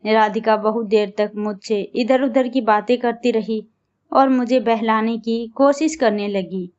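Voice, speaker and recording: A woman telling a first-person story as narrator, reading at a steady, even pace. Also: a little high, measured pace, lo-fi sound.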